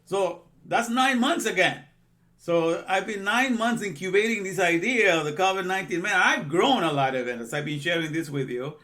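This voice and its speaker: A religious teacher in his sixties, originally from Guatemala, speaks in a bright, forceful voice on the high side. His informal lesson rambles with plenty of asides, repeated phrases and a frequent "you know."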